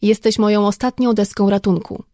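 A woman voicing a flustered woman teacher who talks in a hurried, breathless way. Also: medium pitch, steady tone, dark tone, dry recording, clean studio sound, close to an everyday voice. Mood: grateful. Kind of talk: audiobook character voice.

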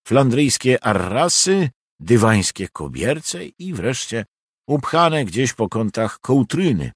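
Expressive male audiobook narrator, husky voice, lively pitch. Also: no echo, clean studio sound. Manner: expressive storytelling. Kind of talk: audiobook reading of a historical novel.

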